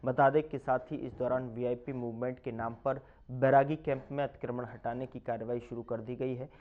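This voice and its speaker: A man reads regional news in a punchy, emphatic voice-over, leaning hard on key words. His voice sits at an everyday pitch. The audio is a little muffled and lo-fi. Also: level tone, moderate pace. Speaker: news reporter. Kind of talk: scripted news narration.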